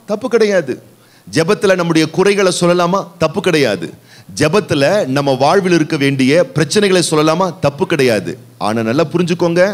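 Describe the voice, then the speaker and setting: Tamil pastor preaching in church, keeps repeating lines and throwing out questions, voice jumps up and down a lot. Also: male voice, high-pitched. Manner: emphatic repetition, rhetorical questions. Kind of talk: sermon.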